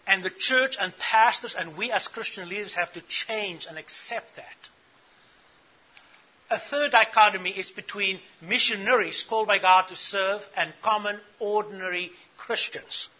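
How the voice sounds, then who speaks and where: A middle-aged man from South Africa gives an earnest teaching talk to church leaders as a conference speaker, putting questions to the audience. His voice is high and his speed normal, and the recording's highs are cut off.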